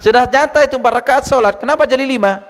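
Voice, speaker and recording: A male Islamic teacher giving a lively study lecture, quizzing his listeners and retelling anecdotes. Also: very high-pitched, very fast. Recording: long hall reverb.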